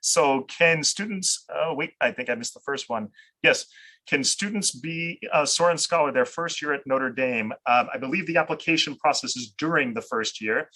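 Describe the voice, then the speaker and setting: A man's voice: mid-range voice, bright, forceful tone, low-quality recording. A man hosting a live admissions panel, racing through audience questions as a theology teacher. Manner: rapid-fire question answering. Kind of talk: live question-and-answer session.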